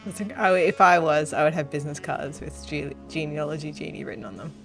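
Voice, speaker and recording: A woman's voice: low-pitched, steady tone, brisk, creaky, music in the background. A woman hosting a casual let's-play, chatting in a self-deprecating way and reading game text aloud. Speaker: gaming channel host.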